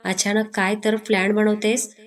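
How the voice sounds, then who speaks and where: A woman's voice: medium pitch, flat delivery, normal speed, lightly acted. A woman voicing an exasperated young man who grumbles at his girlfriend for being late. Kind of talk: storybook reading.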